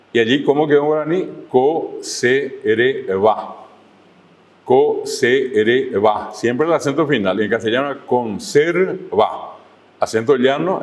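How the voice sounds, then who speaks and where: A man giving an online language lecture, slowing down to spell out syllables as he explains. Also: medium pitch. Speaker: language teacher.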